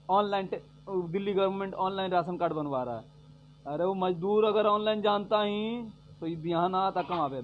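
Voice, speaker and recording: A man delivers a sarcastic political rant, hammering the same points over and over. His voice sits a little high, and he swings from loud jabs to low mutters. The recording is dull and lo-fi, with a faint hum underneath. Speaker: vlogger giving political commentary.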